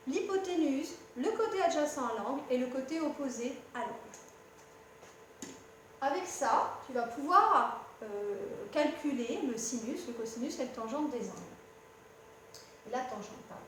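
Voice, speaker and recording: High-voiced woman teaching in an echoey room. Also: far from the mic. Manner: patient, addresses the student as "tu", self-correcting. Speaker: math teacher. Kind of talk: explaining a lesson at a board. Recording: very echoey room with faint hum.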